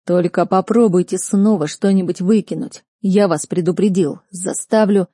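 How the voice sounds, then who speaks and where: A woman's voice: on the low side, steady tone, normal speed, mellow, no room sound, studio quality, lightly acted. A woman reading an audiobook, voicing a stern, furious male academy rector who barks and scolds. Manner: barking, scolding.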